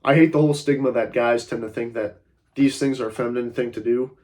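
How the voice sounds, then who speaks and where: This young self-improvement vlogger sounds stuffy, steady, and darkish, talking fairly quickly at a middle pitch to his camera. His blunt, rambling advice leans heavily on "like" and "uh," with the occasional swear word.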